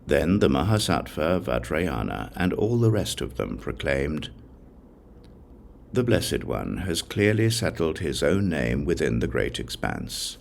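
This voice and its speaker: Slowly and with care, a man reads a sacred text aloud in a solemn, measured recitation suited to a scripted audiobook. His voice is gravelly and extremely low but animated in pitch, and a little hiss or hum sits under the recording. He's an audiobook reader.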